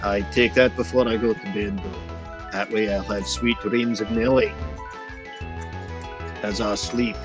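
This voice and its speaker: Streamer, male, voice run through a deep pitch-shifting changer, mock-pirate patter, faint music under him. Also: steady tone, unhurried, long pauses. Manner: playful mock-pirate talk with "aye" and "lad". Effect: voice changer shifting the voice deeper. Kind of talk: rambling livestream commentary.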